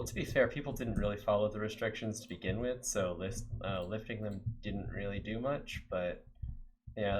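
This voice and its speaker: The audio is poor, but you can hear a young American man from Texas with a lowish voice. While coding on his live stream, this game developer rambles to viewers in a casual, filler-heavy way.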